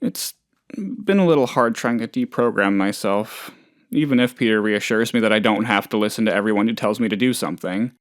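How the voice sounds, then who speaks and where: In video game character dialogue, a man plays a lonely, trusting, hapless oddball who rambles in a hesitant, naive, chatty, good-natured manner, here sounding confessional and subdued. His fairly low voice moves briskly and is close to an everyday speaking voice. The recording is dry and studio quality.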